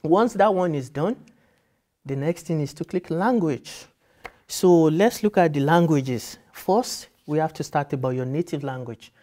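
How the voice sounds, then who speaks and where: With a fairly high, mellow voice that is animated and a little slow, a man in his thirties guides applicants through a form. He's a university admissions guide whose first language is Yoruba, giving a patient, explanatory screen-share walkthrough from an indoor office with computers, rephrasing along the way.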